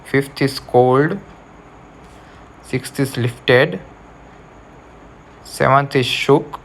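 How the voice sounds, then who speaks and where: A man's voice: medium pitch, extremely slow, a bit bright, slight background noise. A male teacher giving a reading lesson, dictating words to underline and repeating each instruction. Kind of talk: slow classroom reading lesson.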